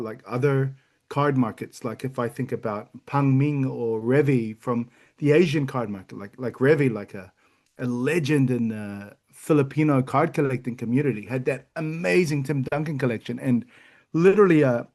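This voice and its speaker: A man co-hosting a card collecting podcast, telling stories in an enthusiastic, animated way. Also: medium pitch. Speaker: podcast co-host. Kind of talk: casual chat.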